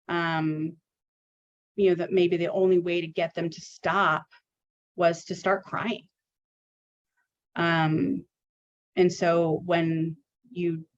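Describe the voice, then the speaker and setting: Lady therapist talking through a webinar, lowish voice, kinda muffled lo-fi sound, lots of you knows. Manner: conversational, many fillers like "you know" and "um". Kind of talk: educational webinar talk. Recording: dull lo-fi webinar audio.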